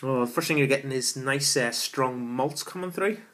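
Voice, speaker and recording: Guy in his 30s chatting about beer at home, bright forceful voice, camera held close. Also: medium pitch, normal speed. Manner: chatty, enthusiastic, lots of fillers. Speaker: beer reviewer. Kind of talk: casual beer review vlog. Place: small room at home, indoors. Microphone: camera at arm's length.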